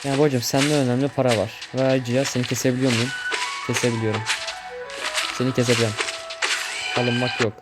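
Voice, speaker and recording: A man's voice: mid-range voice, flat delivery, brisk, long pauses. A young man chatting casually while playing a video game, getting easily startled, swearing and joking at what happens on screen. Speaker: gameplay streamer. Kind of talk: casual gameplay commentary. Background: game music.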